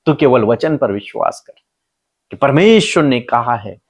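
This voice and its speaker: A man's voice: very animated, unhurried. A man preaching a Bible sermon with emphatic, swinging delivery, mixing English words into his talk. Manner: emphatic preaching that swings between sudden high exclamations and soft low phrases. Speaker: pastor.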